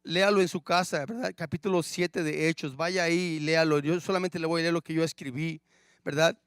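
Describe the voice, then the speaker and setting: A man with a high-pitched voice preaching a sermon, heard close and dry with little room sound. He keeps turning to the congregation with rhetorical questions and calls them brother. He swings between loud, emphatic declarations and hushed, low asides. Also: fairly even intonation, brisk, smooth, no room sound. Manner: addresses listeners as brother, frequent rhetorical questions. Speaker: pastor.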